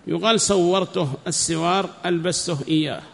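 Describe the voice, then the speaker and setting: A man teaching a religious text, reading each phrase and then repeating it slowly with explanations. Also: high-pitched, steady tone, vocal fry, fairly bright tone. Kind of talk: classical text lesson with commentary. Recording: long reverb.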